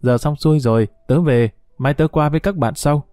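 A man's voice: on the high side, brisk, dry recording, clean studio sound, close to an everyday voice. A man voicing a bashful teenage boy from the next village. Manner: bashful, gentle.

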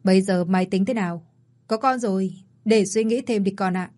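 A woman's voice: mid-range voice, normal speed, mellow, close to an everyday voice. A woman voicing a kindly, worried older father and grandfather who pleads with and scolds his son in a storybook reading. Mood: pleading.

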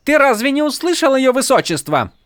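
A man voicing a brisk, scolding worldly woman. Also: high-pitched, very animated, no echo, clean studio sound, pitched above the performer's own voice. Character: sharp, worldly woman con artist, mentor. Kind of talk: audiobook character voice.

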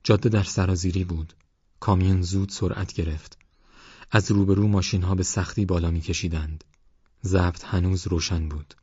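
A man calmly narrating a novel as an audiobook reader in a measured way. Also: sits low, breathy edge, no echo, lo-fi sound. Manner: calm, measured reading. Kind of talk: scripted narration.

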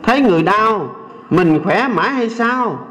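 Older monk with a Southern Vietnamese accent and a high voice, folksy and teasing in a sermon, slowing down to recite and sing verses. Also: male voice, expressive, a bit bright, poor audio. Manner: folksy, teasing, keeps asking the audience "right?". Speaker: Buddhist monk. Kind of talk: Dharma talk to a lay audience.

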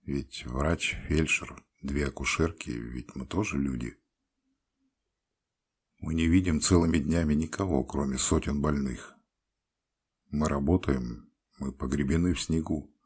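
A man reading a literary story aloud in the first person, measured and expressive. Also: rumbling low, slightly rough. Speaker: audiobook reader. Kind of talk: scripted literary narration.

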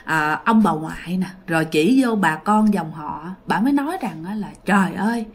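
Lively Southern Vietnamese woman storyteller. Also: fairly low pitch, moderate pace, slightly rough. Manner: chatty, addresses listeners directly. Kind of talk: casual spoken ghost-story narration.

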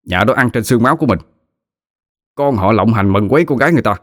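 A man's voice: fairly low pitch, animated, quick pace, fairly bright tone, dry recording, clean studio sound, pitched above the performer's own voice. A man playing a defiant, hot-headed young peasant. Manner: blunt, defiant.

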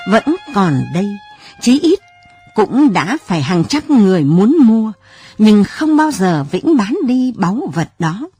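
A woman narrating a late-night story in a soft, lyrical, unhurried reading. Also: medium pitch.

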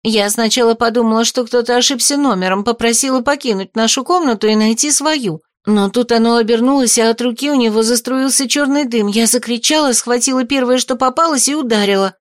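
Frightened young girl read by a woman, trembling and rushed, dry close sound. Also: on the high side, no room sound, lightly acted. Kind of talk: audiobook character voice.

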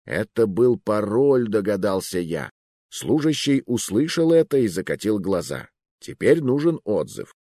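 A man narrating an audiobook in an expressive, wry manner. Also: on the low side, a little slow, dry recording, studio quality.

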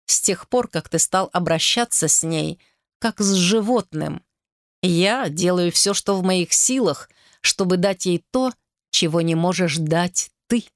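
A man's voice: high voice, a little slow, no room sound, clean studio sound. A woman voicing a cruel man who mocks his brother with a sneer, in a storybook reading. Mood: cold. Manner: sneering, taunting.

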